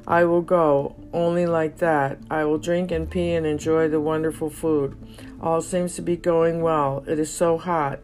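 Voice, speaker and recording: A woman's voice: low-pitched, darkish tone. Woman reading a poetic memoir over guitar. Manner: reflective, emotional, poetic. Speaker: narrator. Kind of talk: reading a personal memoir aloud. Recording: faint guitar music behind.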